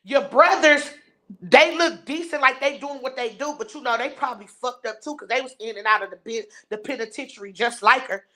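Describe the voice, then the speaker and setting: A woman's voice: high-pitched, a little fast, pushed and bright. A woman hosting a live stream, ranting bluntly and scornfully while reading and answering her viewers' chat. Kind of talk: heated live-stream rant.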